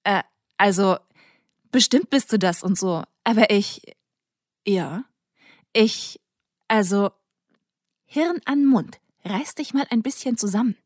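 A woman's voice: medium pitch, sing-song, normal speed, darkish tone, slightly rough, dry recording, clean studio sound. A woman voicing a prickly teenage girl who snaps back and stammers when flustered, in an audiobook. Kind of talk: audiobook character voice.

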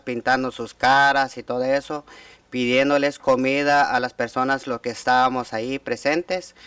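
A man in his thirties testifying at a formal hearing, speaking haltingly with frequent restarts. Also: mid-range voice, a bit bright, clear, resonant tone, dry recording, recorded from a distance. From Guatemala. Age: 30s. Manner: halting, many restarts and repeated words. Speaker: witness giving testimony. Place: hearing room.

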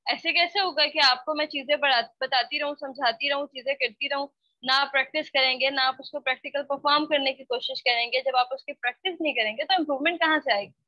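A woman's voice: high voice, fast talker, dry recording. A woman teaching a spoken English class online, scolding her students and switching between Hindi-Urdu and English. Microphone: computer mic on a video call. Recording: dull, dry online-call audio.

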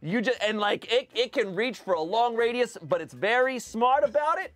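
Rambling man with a lively voice. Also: very high-pitched, moderate pace, dry recording, faint music behind. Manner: rambling, excitable, swearing, breaking into laughter. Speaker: comedian pitching a fake product. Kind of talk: improvised comedy on a live stream.

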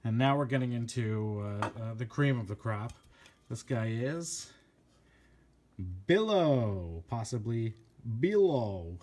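A man in a casual unscripted vlog, showing off his collection, gushing and admiring but halting, with many fillers and self-corrections. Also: mid-range voice, fairly even intonation, a little mellow, a little hiss or hum.

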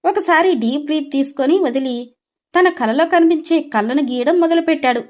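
A woman narrating an animated storybook with expressive, scripted storytelling. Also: sits high, brisk.

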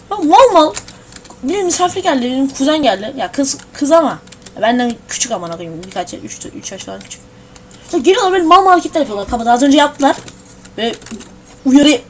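Excitable young woman yelling at a game. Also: sits high, a little hiss or hum. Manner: excitable, swears and yells at the game. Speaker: gamer streaming a shooter. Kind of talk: casual gameplay commentary. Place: home room at a computer.

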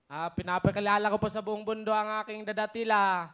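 A man's voice: sits high, flat delivery, fairly quick, fairly bright tone, a little hiss or hum. A man appearing as a contestant on a game show, giving heartfelt, respectful testimony about his family. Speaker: contestant, father. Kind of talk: emotional personal testimony.

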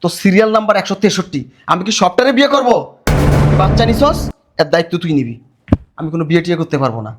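A man's voice: high-pitched, big pitch swings, very fast, long pauses, over loud music. An actor playing a callous young man who talks down with open contempt. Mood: contemptuous. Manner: sneering, dismissive.

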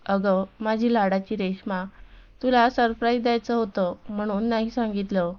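A woman's voice: mid-range voice, fairly even intonation, normal speed, clean tone, dull audio, lightly acted. A woman voicing a playful young man who teases his fiancée affectionately, in a storybook reading. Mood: teasing. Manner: teasing, affectionate.

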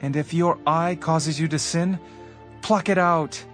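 An actor playing Jesus as a grave, authoritative teacher and healer in a dramatized audio Bible, speaking in a measured way. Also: male voice, a little high, steady tone, fairly bright tone. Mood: stern warning. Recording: background music under the voice.

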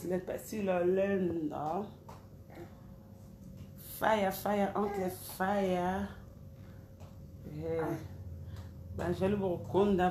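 Woman, slow and chatty, greets viewers by name on a live stream; echoey room. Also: mid-range voice, a little mellow, slight background noise. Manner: chatty, calls out names one by one. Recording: roomy echo, faint background ambience.

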